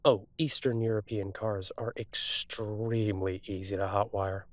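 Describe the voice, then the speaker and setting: Man playing a low-voiced, wry streetwise thief. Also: fairly even intonation, no echo, natural voice. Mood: resolved. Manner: wry, casual, halting with thoughtful pauses. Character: streetwise, wry male car thief on the run. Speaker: audio role-play performer. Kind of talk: conversational audio role-play acting, addressed to the listener.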